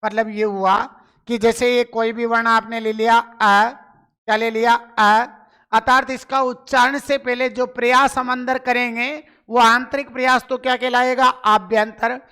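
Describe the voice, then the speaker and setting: A man's voice: very high voice, level tone, measured pace, pushed and bright, clear, resonant tone. A male teacher giving a live online grammar lesson, asking questions and answering them himself, and urging viewers to reply in chat.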